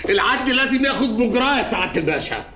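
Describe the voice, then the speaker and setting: A man's voice: very high-pitched, rapid-fire, a little hiss or hum, heavily acted. An actor playing a shifty father, talking in a wheedling manner with an Egyptian accent. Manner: wheedling, animated. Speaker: father accused by police. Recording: echoey room.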